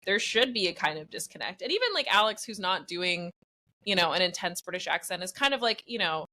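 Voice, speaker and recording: A woman's voice: on the low side, lively intonation, brisk, bright, forceful tone. A woman being interviewed about her podcast acting, talking in a rambling, self-deprecating way full of "like". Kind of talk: casual interview chat.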